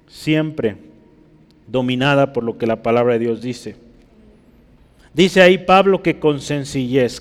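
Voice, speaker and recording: A man preaching a teaching sermon, often asking the congregation for agreement and pausing to write on a board. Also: medium pitch, in a large hall. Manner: teaching, rhetorical questions, asks listeners for agreement; writes on a board while speaking.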